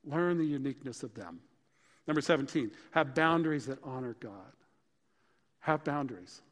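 A male pastor preaching a sermon, listing his points in a punchy, lively way. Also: medium pitch, moderate pace, big-room sound. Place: church sanctuary.

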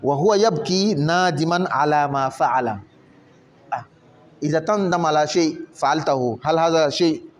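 A man's voice: fairly high pitch, slight background noise. A male teacher reading a story aloud line by line and explaining it patiently, often asking the listener whether they follow. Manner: patient, explanatory, asks rhetorical questions to check understanding.

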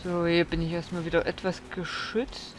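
A woman's voice: lowish voice, level tone, normal speed, noisy background. A woman giving blind let's play commentary, swearing, exclaiming and scolding the enemies aloud.

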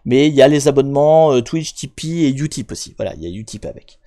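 A man's voice: medium pitch, animated, fast talker, warm tone. A man hosting a hacking live stream, talking casually and rambling, with lots of fillers and restarts, and joking directly with his viewers. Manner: jokey, talks directly to viewers.

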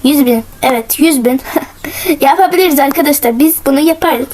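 A young woman giving casual gameplay commentary as a channel host, excited, giggly, cheering herself on. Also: high-pitched, moderate pace, poor audio.

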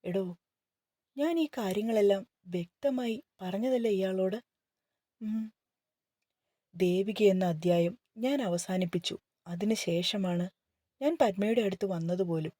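A woman's voice: medium pitch, measured pace, long pauses, warm tone, no room sound, clean studio sound, close to an everyday voice. A woman reading the lines of a protective young husband in a romantic novel, firm and reassuring. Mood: earnest.

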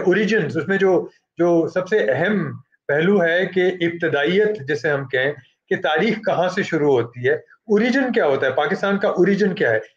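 A middle-aged man from Pakistan, moderating a book launch and introducing an author, speaking haltingly with frequent fillers and switches into English. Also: fairly high pitch, muffled recording.

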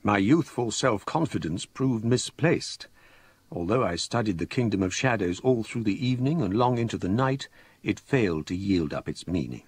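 An actor playing an older, scholarly English gentleman who narrates a ghost story in a measured, formal, literary manner for a radio drama. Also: lowish voice, expressive, husky, dry recording. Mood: grave, reflective.

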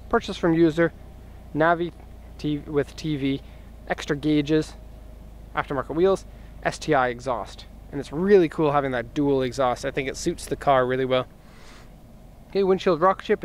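A man giving a casual walkaround review of an imported car outdoors on a residential street, talking easily with fillers as he thinks aloud, recorded on a handheld camera mic. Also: on the high side. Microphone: handheld camera mic, filming himself off-camera.

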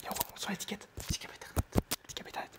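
A man whispering quickly through an ASMR tour of a computer setup. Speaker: tech ASMR creator.

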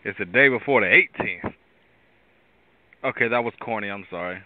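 A tired male host with a raspy voice, giving a rambling devotional talk with many restarts. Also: on the low side, moderate pace, no room sound. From Pittsburgh area. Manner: rambling, restarts often, preachy asides. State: tired from lack of sleep. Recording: tinny phone-line sound.

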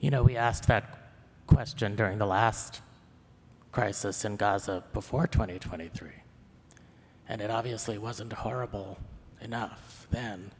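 A man answering on a conference panel in a grave, deliberate way, speaking into a table microphone in a large hall. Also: lowish voice, slight background noise. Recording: reverberant hall, faint ambience.

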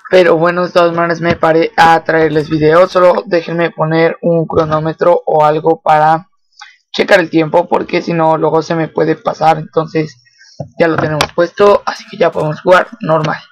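A man's voice: fairly high pitch, flat delivery, normal speed, rough recording. A man, chatting casually as he narrates his own moves in a gameplay video. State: hoarse. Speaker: gaming video creator.

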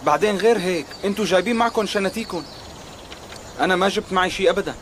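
A man's voice: high-pitched, racing, fairly bright tone, a little hiss or hum. An actor playing a busy, reluctant but good-natured young man in a TV drama dub, with a Syrian Arabic accent. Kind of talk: dubbed TV drama dialogue. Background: music.

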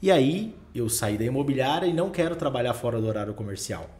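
A man's voice: medium pitch, lively intonation, fast talker, darkish tone. A man hosting a podcast, giving practical advice in a coaching tone and stacking rhetorical questions. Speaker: podcast host. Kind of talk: casual podcast chat.

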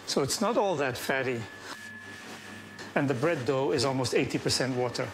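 A man's voice: mid-range voice, expressive, moderate pace, slight background noise. Chatty baker man in his fifties. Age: 50s. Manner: chatty, repeats himself. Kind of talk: casual chat on a walk. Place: outdoors at an old harbour.

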